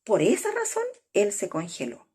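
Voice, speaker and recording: A woman telling a children's story in a slow, expressive way, with a husky, breathy voice and whispered asides. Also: mid-range voice.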